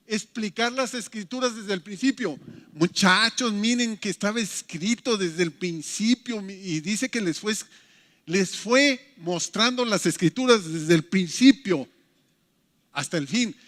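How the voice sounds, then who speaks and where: A Mexican pastor delivering an emphatic, animated sermon in a fairly high voice. His words carry with a long reverberant tail through a church hall.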